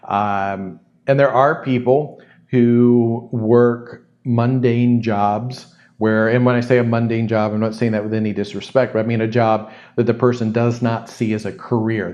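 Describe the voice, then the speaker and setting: A man's voice: medium pitch, a little mellow, muffled recording. A man hosting a solo podcast, answering a listener's question in a thoughtful, reflective way and often repeating words as he thinks. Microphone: studio microphone close to the mouth.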